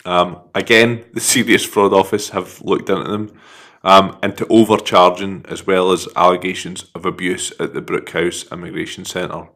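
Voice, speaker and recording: A podcast co-host with a Scouse accent runs through facts in a casual chat, reading them out between jokes and laughs. His voice is low-pitched and a bit bright, with a flat delivery at normal speed.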